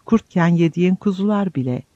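A male narrator voices a serene old friar on his deathbed, tender and solemn, his tone raised a little above the narration. The voice is mellow and warm, and the recording is dry, dull and slightly lo-fi. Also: sits high, lively intonation, brisk, dry recording. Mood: tender farewell. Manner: soft, solemn farewells.

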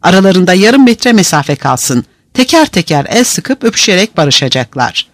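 A man's voice: high voice, sing-song, moderate pace, a bit bright, no echo, clean studio sound, pitched above the performer's own voice, heavily acted. A man voicing a stern, angry army captain giving curt orders in an audiobook reading. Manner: curt, clipped commands.

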